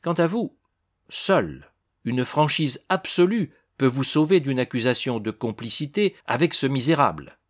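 A man's voice: mid-range voice, expressive, moderate pace, natural voice. A man voicing a stern male judge who questions a suspect severely, with a raised, insistent voice.

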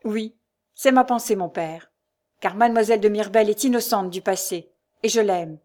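A woman's voice: medium pitch, normal speed, warm tone, natural voice. A woman voicing a young male officer in a storybook, firm and earnest as he defies his father. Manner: firm, pleading.

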